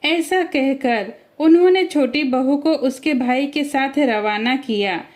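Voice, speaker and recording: A woman storyteller narrates a cartoon tale in a measured, scripted way. Her voice sits high, and she takes her time over every line. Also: darkish tone.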